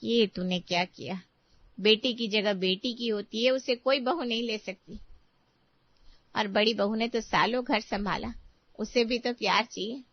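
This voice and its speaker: A woman's voice: a little high, a little slow, no echo, muffled recording. A woman voicing a blunt middle-aged aunt who scolds her sister. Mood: scolding.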